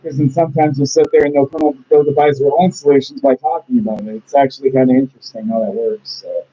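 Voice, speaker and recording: Mellow-voiced host, rambling and encouraging. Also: male voice, medium pitch, steady tone, quick pace. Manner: rambling, encouraging, many fillers. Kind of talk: casual interview chat. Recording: dull lo-fi audio.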